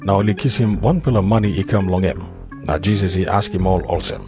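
A man's voice: low-pitched, brisk, music in the background. A man with a Papua New Guinean accent narrating scripture from a script.

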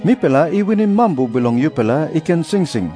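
A man with a Papua New Guinean accent playing an earnest prophet who preaches deliberately in a dramatised scripture reading. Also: fairly high pitch, big pitch swings, mellow, faint music behind. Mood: earnest teaching. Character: Jesus, earnest preaching prophet addressing crowds.

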